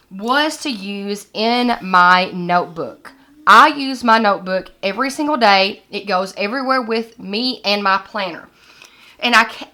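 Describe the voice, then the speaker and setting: A young woman planner vlogger chats casually through a haul from an indoor desk with lighting kit, showing items to the camera. Her medium-pitched voice is bright and forward, though hoarse and scratchy as she recovers from losing it after being sick.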